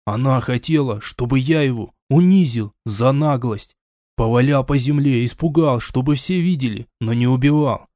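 A man's voice: mid-range voice, normal speed, darkish tone, no echo, clean studio sound, lightly acted. A man voicing a stubborn young knight in love, who talks sullenly and stammers when pressed. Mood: anguished.

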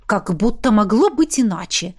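A woman voicing a booming, stern death-master man. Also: sing-song, moderate pace, darkish tone, full character voice. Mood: gruff. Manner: booming, gruff, commanding.

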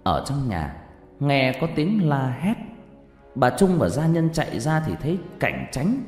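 A man narrating a horror story with dramatic, expressive delivery. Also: on the high side. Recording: echoey reverb with background music.

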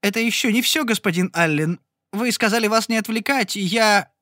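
A woman's voice: medium pitch, brisk, fairly bright tone, no room sound, clean studio sound, pitched above the performer's own voice, natural voice. A man voicing a clumsy, anxious young shop girl who pleads and sobs in an audiobook. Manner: pleading, breathless.

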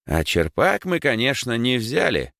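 A man voicing a bossy, sarcastic schoolboy in an audiobook, who talks in gruff, snapping orders. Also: mid-range voice, sing-song, measured pace, a bit bright, no room sound, studio quality, voice pushed up, full character voice. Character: schoolboy Egor, bossy, sarcastic and quick to snap. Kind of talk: audiobook character voice.

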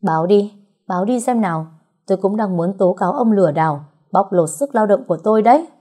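A woman's voice: medium pitch, animated, a little fast, lightly acted. A woman voicing a desperate young woman who snaps back sharply and cries easily, in a storybook reading. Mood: angry. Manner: sharp-tongued, tearful. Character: desperate young woman, fierce then tearful.

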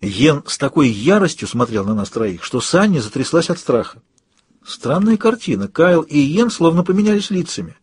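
A man narrating an audiobook in a steady storytelling delivery. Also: a little high, moderate pace, slightly rough.

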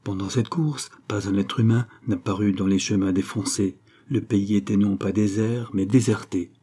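Low, husky male audiobook narrator. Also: steady tone, normal speed, dark tone. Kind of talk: audiobook reading of a historical novel.

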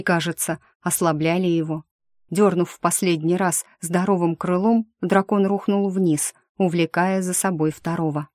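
Expressive woman narrating a fantasy audiobook. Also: on the low side, no echo, clean studio sound. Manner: emotional, expressive reading.

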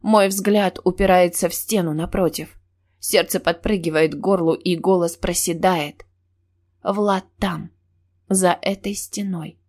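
A woman's voice: lowish voice, steady tone, unhurried, darkish tone. A woman reading a novel aloud in the first person, with a tense, emotional delivery. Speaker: audiobook narrator.

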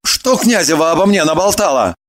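Brief: man voicing a young tormented killer in an audiobook, bitter and confessional, rather high for a man. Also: lively intonation, a little fast, lightly acted. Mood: wary. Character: troubled 27-year-old male killer, confessing. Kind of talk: audiobook dialogue reading.

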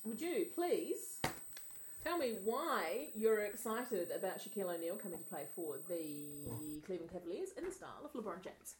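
A woman hosting a radio show, throwing out teasing prompts with a lively voice that bounces up and down. The room around her sounds roomy, with a faint hiss underneath. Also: medium pitch, normal speed. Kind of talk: casual chat.

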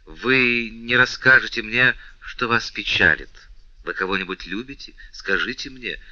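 A man playing a respectful, lovesick count who speaks with calm restraint, on a dull, dry recording. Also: on the low side, unhurried, no echo. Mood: restrained respectful.

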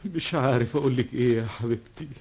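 A man's voice: mid-range voice, quick pace, a little mellow, natural voice. Brief: actor playing a bewildered, agitated young man, Egyptian accent, mid-range voice. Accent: Egyptian Arabic. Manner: agitated, confused, anxious. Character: bewildered young man doubting his own senses. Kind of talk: Egyptian TV drama acting.

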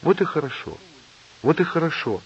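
Audiobook figure: shrill, emotional young woman, put on by a male reader. Raised pitch, husky edge. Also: big pitch swings, moderate pace, full character voice. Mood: tender, tearful. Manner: high, sharp and emotional. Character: shrill quarrelsome young woman, tearful and fierce. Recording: slightly dull lo-fi audio.

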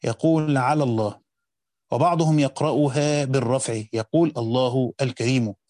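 A man with an Egyptian accent reading a classical commentary aloud and explaining it as a teacher. He reads quickly and slows down to explain points of grammar. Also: medium pitch, a little mellow, no echo, studio quality.

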